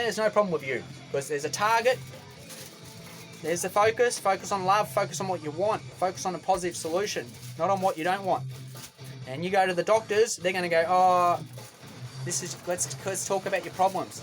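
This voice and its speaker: Australian guy vlogging from a boat, rambling and combative rant, middling pitch, faint music playing behind him. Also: fairly bright tone. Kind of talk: ranting monologue to camera. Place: on a boat outdoors.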